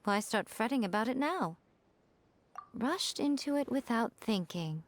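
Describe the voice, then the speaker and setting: Sly, haughty fox familiar, teasing. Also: female voice, a little high, animated. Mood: wry. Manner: arch, condescending, teasing, unhurried drawl on asides. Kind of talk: video game character voice acting. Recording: faint music behind the voice.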